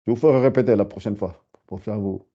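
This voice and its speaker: A man teaching a beginners' lesson, patiently repeating words and sounding them out slowly. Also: on the low side, dark tone. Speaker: Arabic teacher. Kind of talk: slow spoken lesson. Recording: dull lo-fi sound.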